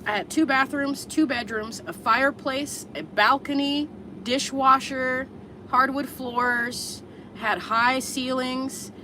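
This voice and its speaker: A high-pitched, bright and forceful voice comes from a woman in her thirties from the Chicago area, chatting bluntly and candidly with viewers live and swearing freely. She keeps a steady tone at a slow pace. The rough recording carries a little hiss or hum.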